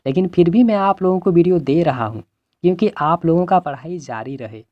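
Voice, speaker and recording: A man's voice: on the high side, expressive, a little fast, no room sound, highs cut off. A male teacher walking students through exam questions in an earnest, repetitive way, with a Hindi-belt Indian accent. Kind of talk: exam-prep lesson.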